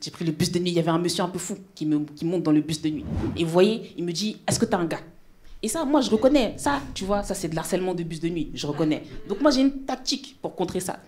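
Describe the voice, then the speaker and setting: A woman's voice: fairly low pitch, expressive, quick pace. A woman performing a laid-back stand-up routine on a comedy club stage. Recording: loud noisy club recording.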